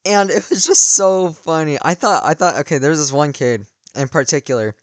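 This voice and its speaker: A vlogger in his late teens, voice a little high and slightly worn from cheering, tells a rambling, casual story at a moderate pace. He fills it with "like" and keeps restarting. The recording has no room sound.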